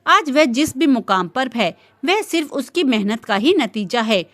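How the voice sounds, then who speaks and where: A woman narrating a romantic story in an expressive, steady storytelling manner. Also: high voice, measured pace, dry recording.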